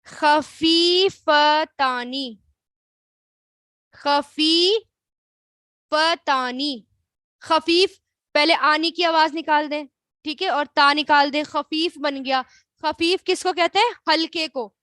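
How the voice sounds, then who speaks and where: Female grammar teacher, Pakistani Urdu accent, drawn-out repetition, sharp tone. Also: sits high, fairly even intonation, dry recording, clean studio sound. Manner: explains slowly, drawing out words and repeating them; asks the class questions and answers them herself. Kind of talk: online class lesson.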